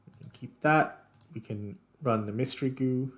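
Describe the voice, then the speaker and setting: A host plays a video game and narrates it in casual, unscripted commentary, muttering step by step as he thinks aloud. His mid-range voice moves at a moderate pace and sounds a bit bright.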